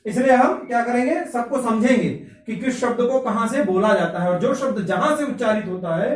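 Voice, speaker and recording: A man's voice: extremely high pitch, fairly quick, recorded from a distance. A man teaching Sanskrit grammar in a classroom, sounding out letters and quizzing his students. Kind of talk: classroom lesson. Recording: echoey room, mic from afar.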